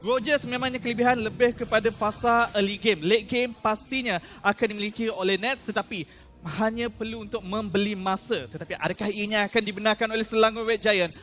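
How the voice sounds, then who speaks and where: Fast, very high-voiced Malaysian man. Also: steady tone, fairly bright tone. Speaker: esports analyst caster. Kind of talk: live esports commentary with strategic analysis.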